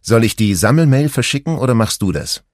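A man's voice: mid-range voice, animated, fairly quick, no echo, clean studio sound, pitched above the performer's own voice, natural voice. A man voicing a joking, gossipy female best friend in an audiobook, chatty and playful.

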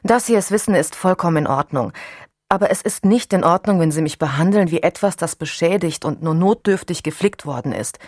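A woman's voice: lowish voice, a little fast, darkish tone, no echo, studio quality, lightly acted. A woman voicing a guarded, proud young woman in an audiobook, speaking firmly and earnestly. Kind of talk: audiobook dialogue.

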